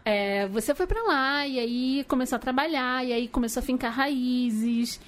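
A woman hosting a podcast, asking the guest playful questions in a casual chat. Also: sits high. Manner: playful, quick to ask questions. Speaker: podcast host.

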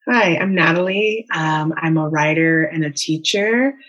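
A woman's voice: low-pitched, unhurried, fairly bright tone, highs cut off. A young adult woman, a writer and teacher, talking candidly and thoughtfully in a casual podcast interview, with many ums and likes. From Las Vegas and Miami, United States.

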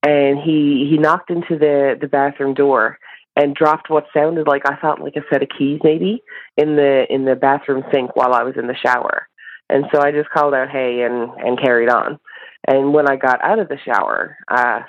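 Woman from Newfoundland, low voice, informal personal storytelling, muffled lo-fi recorded call. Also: fairly even intonation, moderate pace, dry recording. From Newfoundland, Canada. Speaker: listener calling in with a story.

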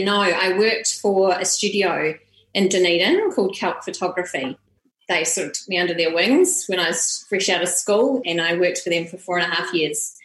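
A woman's voice: on the low side, a bit bright. Echoey Kiwi woman, broad accent. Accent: broad New Zealand (Kiwi). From New Zealand. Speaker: podcast guest, family portrait photographer. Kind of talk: conversational interview. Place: room, standing with baby in arms.

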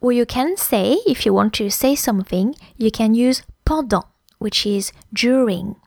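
Female French teacher-podcaster, native French with French accent, higher-pitched, close dry sound, moves between French and English while explaining. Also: measured pace, vocal fry, darkish tone, dry recording. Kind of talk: podcast lesson, explaining to listeners.

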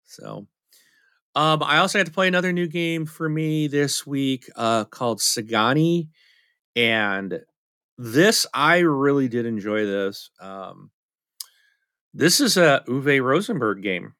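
Chatty man with a bright voice. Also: medium pitch, animated, slow pace, clear, resonant tone, no room sound. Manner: rambling, chatty storytelling with many fillers. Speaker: podcast co-host. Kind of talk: casual chat.

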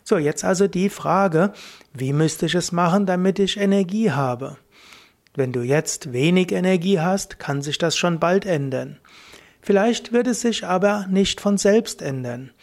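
A man hosting a self-help podcast, speaking slowly and calmly, repeating key phrases. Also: creaky. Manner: slow, measured, repeats phrases, shifts between higher and deeper voice to demonstrate. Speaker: podcast host. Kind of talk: calm guided self-help talk.

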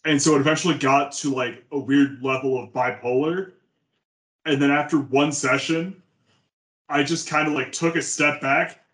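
A man's voice: medium pitch, steady tone, moderate pace, fairly bright tone. A man chatting loosely on a podcast, rambling with lots of "like". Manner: loose, rambling, says like a lot. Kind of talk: casual podcast chat. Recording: echoey room sound.

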